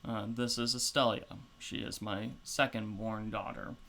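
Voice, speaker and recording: A man's voice: lowish voice, little pitch movement, unhurried, pushed and bright. A man voicing an amused older male noble who heads a house, speaking in a wry, teasing, lordly manner.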